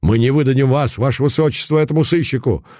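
A man's voice: medium pitch, quick pace, dark tone, no echo, lightly acted. A man voicing a hot-tempered political conspirator, blustering and agitated, in a dry recording. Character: hot-tempered male conspirator, emigre plotter.

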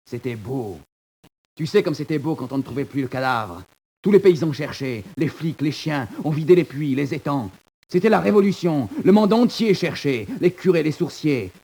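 An actor playing a jealous but loyal young prisoner in a 1940s radio drama, taunting and earnest by turns. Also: male voice, fairly high pitch, lively intonation, moderate pace, darkish tone, slightly rough.

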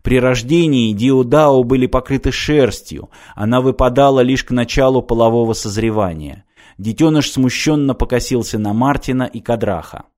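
A man reading a science fiction audiobook in a steady, measured narration. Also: medium pitch. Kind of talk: scripted narration.

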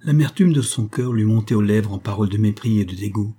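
A man narrates an audiobook with a low, dark voice. There is a husky grain to it. His reading is measured and literary, with the steady phrasing of a set text. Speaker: audiobook reader. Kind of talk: scripted narration.

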